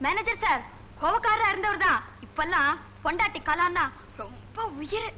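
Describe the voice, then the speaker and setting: A quick-witted young tenant from a 1970s film comedy. Her voice is very high and bright, and she steers everyone with persuasive chatter. The old soundtrack carries a roomy echo. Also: lively intonation, a little hiss or hum, heavily acted. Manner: persuasive, fast-talking, managing. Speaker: resourceful woman tenant.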